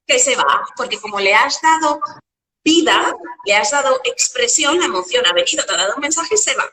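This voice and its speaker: A woman talks in a bright, fairly high voice, building her points through rhetorical questions and homely metaphors. She sounds set back the mic in a roomy space with a long reverb tail. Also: expressive, fairly quick, recorded from a distance. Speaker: guest coach.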